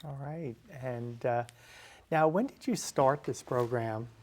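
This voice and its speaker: A man who hosts a library show, introducing a guest politely and haltingly, with fillers. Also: medium pitch, darkish tone. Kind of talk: hosting an interview.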